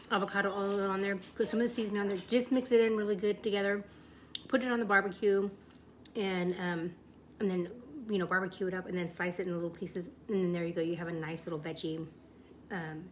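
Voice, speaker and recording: A woman with a medium-pitched voice hosts a home cooking show, talking her viewers through each step in a chatty, enthusiastic way. She is in a home kitchen with clear noise audible behind her. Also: fairly even intonation, fairly quick. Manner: chatty, enthusiastic, addresses viewers as "you guys". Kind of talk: casual cooking demonstration.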